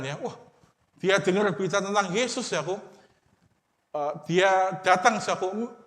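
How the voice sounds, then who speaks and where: Indonesian pastor preaching, echoing hall. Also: male voice, high voice, fairly bright tone. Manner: repeats a term of address after most phrases, fading to a murmur. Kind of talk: sermon. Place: church hall. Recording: long hall reverb.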